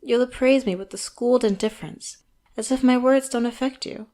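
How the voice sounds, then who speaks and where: Pitched on the high side and lightly acted, this woman's voice plays an elegant, moneyed villain boss who interrogates the listener with cool menace and condescension. It's a scripted audio roleplay monologue, taken slowly, theatrical, mock-polite and taunting, with hushed asides dropped in.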